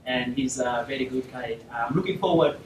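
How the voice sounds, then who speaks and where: A young South Sudanese man giving a formal talk to a university class, thanking people warmly and using many fillers. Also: mid-range voice, normal speed, background noise. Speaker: guest speaker. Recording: echoey classroom, from far off.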